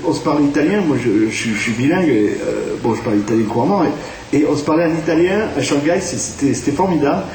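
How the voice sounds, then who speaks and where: A warm, mid-range voice belongs to a theatre director from France, a native French speaker, talking in a radio interview. He uses many fillers and restarts, and the sound is distant and echoey with faint hiss.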